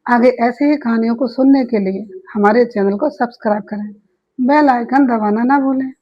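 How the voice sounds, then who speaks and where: A woman narrating a romantic story with an even, expressive reading. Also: on the high side, moderate pace, dull audio.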